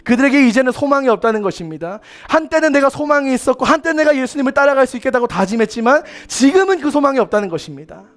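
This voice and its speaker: A man's voice: very high-pitched, animated, racing, hardly any pauses. A man preaching a sermon at a church service, earnest, putting rhetorical questions straight to his listeners. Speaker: youth ministry preacher.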